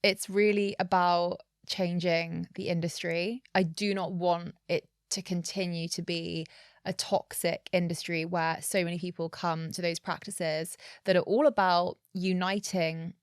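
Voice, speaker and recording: A woman's voice: on the low side, little pitch movement, a little slow, clear, resonant tone, dry recording. A woman yoga teacher, guest on a podcast, explaining her ideas in long, earnest, flowing runs. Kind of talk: conversational interview, explaining.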